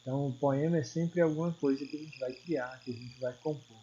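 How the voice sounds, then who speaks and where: A man's voice: a little high, steady tone, brisk, mellow, muffled recording, a little hiss or hum. A man with a Brazilian Portuguese accent, a teacher explaining a recorded video lesson patiently, with many fillers and repetitions.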